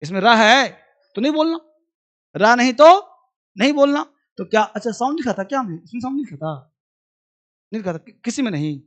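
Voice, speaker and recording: A man teaching a class, repeating English sounds and pronouns with an Indian accent for students to copy and giving brisk instructions. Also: very high voice, expressive, a bit bright. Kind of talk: classroom pronunciation drill.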